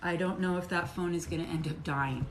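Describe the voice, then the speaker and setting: A woman's voice: lowish voice, fairly quick. Woman rambling in an echoey workshop. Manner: chatty, rambling, talks while chewing and working. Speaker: soap maker streaming live. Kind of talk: casual live-stream chat while working. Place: home soap workshop. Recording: echoey room with clear background noise.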